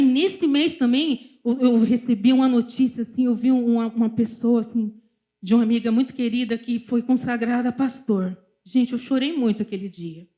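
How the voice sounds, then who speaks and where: A woman's voice: on the high side, mellow. A middle-aged woman with a Brazilian Portuguese accent, speaking at a church and preaching through personal stories while talking directly to the congregation. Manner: storytelling, often addressing the congregation directly. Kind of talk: sermon with personal testimony.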